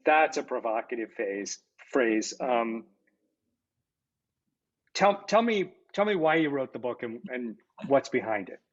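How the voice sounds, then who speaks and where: A man's voice: medium pitch, sing-song, measured pace. Hesitant male podcast host, dull audio. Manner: hesitant, many fillers and false starts. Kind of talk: conversational interview.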